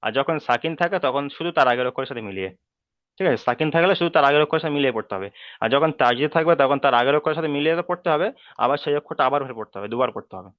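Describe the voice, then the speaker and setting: A man's voice: on the high side, very fast, dry recording, muffled recording. A man teaching a Quran reading class online, with a Bengali accent, patiently repeating rules and checking that students follow.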